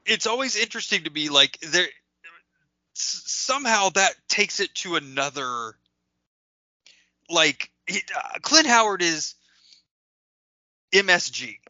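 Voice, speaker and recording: A male podcast co-host chats eagerly about a movie in a casual review, stammering into restarts and saying "like" a lot. His high-pitched, sharp voice swings widely in pitch and moves unhurriedly with frequent pauses. The audio is dry, dull, lo-fi, and has no echo.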